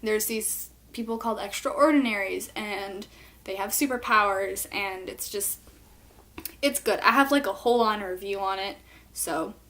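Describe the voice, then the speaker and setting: A woman's voice: medium pitch, fairly bright tone. A woman giving a casual book review, speaking informally and hesitantly as she searches for words.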